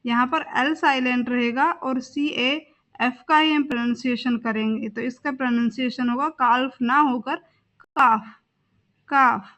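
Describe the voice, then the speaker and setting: On a lo-fi recording, a young female English teacher runs a vocabulary lesson in a high, fairly bright voice, steady in tone and moderate in pace. She repeats every word twice and spells words letter by letter.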